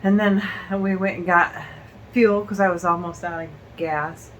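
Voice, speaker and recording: Woman, breathless from illness, unhurried, halting with fillers, casual home vlog, faint noise behind. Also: lowish voice, fairly even intonation, a bit bright, poor audio. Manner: rambling, halting with fillers and laughs. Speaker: vlogger. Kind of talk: casual chat to camera.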